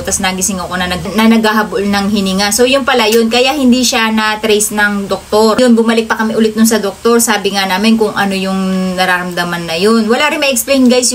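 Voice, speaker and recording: A woman's voice: medium pitch, a little hiss or hum, rough recording. A woman telling a personal story to her viewers in a casual vlog, often calling them guys. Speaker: vlogger.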